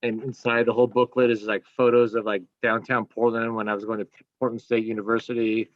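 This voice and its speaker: A man co-hosting a casual music podcast, rushing through a rambling list with casual swearing. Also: fairly low pitch, level tone, dry recording. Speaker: podcast co-host. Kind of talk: casual chat. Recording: dull, dry lo-fi mic.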